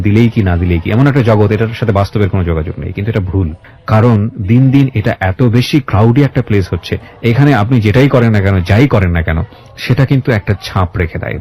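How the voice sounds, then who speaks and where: Fairly low in pitch and dark in tone, this man's voice carries a Bangladeshi accent as he hosts a radio interview. He turns to listeners with a reflective monologue, delivered emphatically and preachily, with English words sprinkled in.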